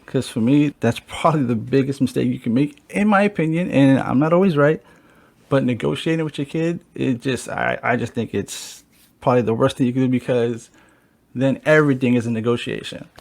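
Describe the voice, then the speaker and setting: A man with a gravelly, creaky edge hosts a casual podcast. He chats loosely, swears freely and speaks straight to his viewers. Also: medium pitch, fairly quick. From United States. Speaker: podcast host. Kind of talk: casual chat.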